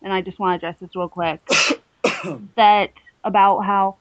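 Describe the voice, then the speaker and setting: A woman's voice: medium pitch, no echo. Opinionated woman on a lo-fi podcast. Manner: opinionated and animated, quick asides. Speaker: podcast co-host. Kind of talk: casual fan podcast chat. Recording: dull, dry lo-fi sound.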